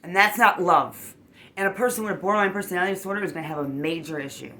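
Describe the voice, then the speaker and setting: A bright, sharp-toned tarot reader talking casually to the camera, animated and rambling. Points are punched with a quick "boom" or "okay?", and the speaker gets emotionally worked up, with a faint hum of ambience underneath. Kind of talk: casual tarot reading monologue.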